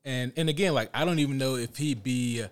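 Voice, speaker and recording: A man's voice: mid-range voice, brisk, clean tone. A man co-hosting a casual podcast chat, blunt and swearing, often restarting his sentences. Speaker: podcast co-host. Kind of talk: casual chat ranking movie villains.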